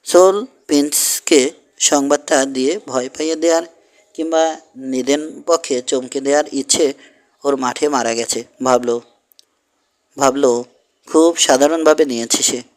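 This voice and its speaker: A man narrating a western story for an audiobook, with steady, measured storytelling. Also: fairly high pitch. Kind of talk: scripted narration.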